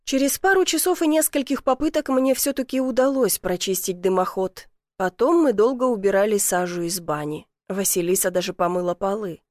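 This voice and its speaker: A woman's voice: fairly high pitch, a little mellow, no echo, clean studio sound. A woman reading a first-person audiobook story in a wry storytelling manner. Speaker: narrator. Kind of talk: audiobook narration.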